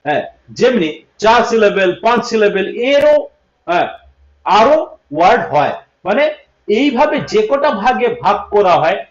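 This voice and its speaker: A male English teacher giving a livestream lesson, repeating each point and checking that students understand. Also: high voice. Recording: echoey room, dull lo-fi sound.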